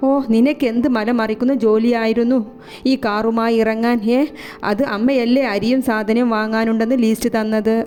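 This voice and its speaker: Woman narrator for a serialized romance, voicing every character herself, warm dark tone. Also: fairly high pitch, clear, resonant tone. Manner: reads every character's dialogue in her own voice. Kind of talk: storybook narration. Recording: soft music behind.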